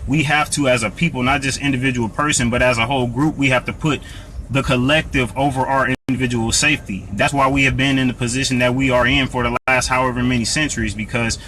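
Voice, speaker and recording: An American man hosts a live Q&A, answering viewer comments earnestly and preachily while often restarting and repeating words. His medium-pitched voice is steady, sharp and fast, and the rough recording carries a little hiss or hum.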